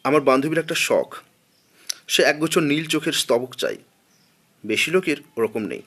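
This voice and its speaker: A man voicing a soft-spoken, oddly polite robber, low and hushed. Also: expressive, normal speed. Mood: menacing.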